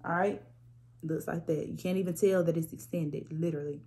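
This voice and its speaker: A woman's voice: on the low side, brisk. A woman hosting a hair tutorial, casually talking through each step as she works with her hands, recorded on a propped-up phone. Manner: relaxed, instructive, talks through each hand step. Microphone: phone propped up on a spray bottle.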